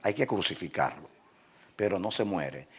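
A pastor preaching a sermon, swinging from loud, emphatic lines to hushed ones and laughing at his own jokes. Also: deep voice, lively intonation, moderate pace, breathy edge.

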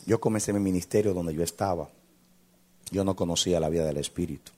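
A male pastor telling a testimony in a sermon, dramatic, swinging from loud to hushed. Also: low voice, fast talker.

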